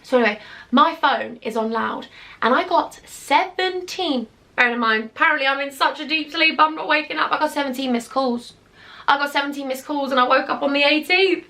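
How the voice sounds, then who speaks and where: Chatty and confiding, this young British vlogger recounts a personal story with sarcastic asides thrown in. She speaks fairly quickly in a high-pitched, bright, forceful voice with a British English accent, as a YouTuber.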